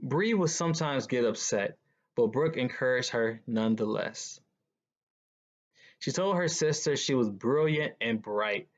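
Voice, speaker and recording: A man visits as a guest reader and reads a picture book aloud to children, animated and at a measured pace. His voice is middle-pitched, and the lo-fi recording sounds a bit dull.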